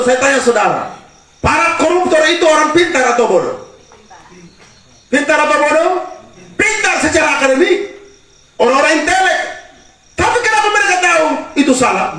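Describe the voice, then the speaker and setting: A male pastor preaching a sermon with animated, humorous storytelling, heard from a distance in an echoey hall. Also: very high voice.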